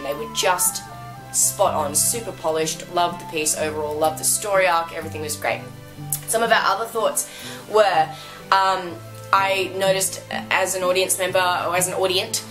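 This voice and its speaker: Gushing woman, lower voice, music behind. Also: rough recording. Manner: gushing, emphatic. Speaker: co-host reviewing a dance show. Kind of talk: casual chatty review.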